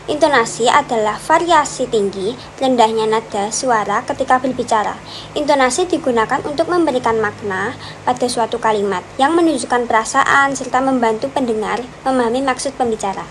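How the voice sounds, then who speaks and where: A woman's voice: a little high, brisk, poor audio. A young woman giving a class presentation, reading steadily through numbered points. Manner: steady listing with repeated "dan yang kedua" connectors. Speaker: student presenter. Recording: faint background noise.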